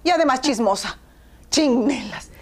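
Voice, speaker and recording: A woman's voice: high voice, animated, normal speed. A woman telling her story in casual conversation, acting out dialogue and laughing often.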